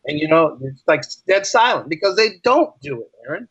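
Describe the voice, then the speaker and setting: An American man, a teacher appearing as a podcast guest, talks in a conversational interview with a slightly high, fairly bright voice. He's very animated and a little fast, driving his points home with repeated phrases and rhetorical questions, on lo-fi audio.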